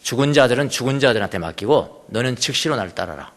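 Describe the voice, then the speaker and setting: A man voicing a calm, firm male teacher who speaks steadily and decisively. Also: mid-range voice, fast talker, pitched below the performer's own voice, natural voice. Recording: long church hall reverb.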